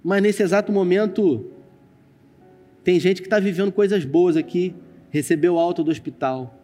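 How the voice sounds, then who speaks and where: A man's voice: high-pitched, normal speed, dark tone, faint music behind. A man pastor with a Brazilian Portuguese accent, preaching a sermon and telling a personal story, speaking straight to the congregation with dramatic turns. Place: church stage with screen.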